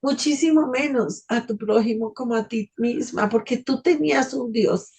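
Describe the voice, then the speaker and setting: A serene, heavenly voice that calmly questions a soul, as a woman quotes it. The tone sits a little high and carries a faint husky edge. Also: normal speed. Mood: calm questioning.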